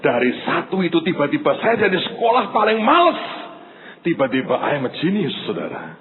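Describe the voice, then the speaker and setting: Lively high-voiced preacher, tinny sound. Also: male voice, fairly quick. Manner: animated, acts out the people in his stories, keeps addressing the congregation. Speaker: pastor. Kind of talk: sermon storytelling. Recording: tinny phone-like sound with faint noise.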